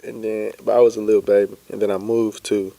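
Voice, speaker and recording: A young man from Florida, a podcast guest telling his story in an easygoing, relaxed way. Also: lowish voice, quick pace, vocal fry. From Pensacola, Florida. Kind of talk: casual interview chat.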